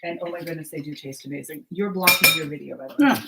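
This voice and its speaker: A middle-aged woman runs a casual live cooking chat from her home kitchen, talking to her viewers as she cooks. Her voice is low, creaky, and fast. Dishes and pans clatter behind her, and the background noise is heavy.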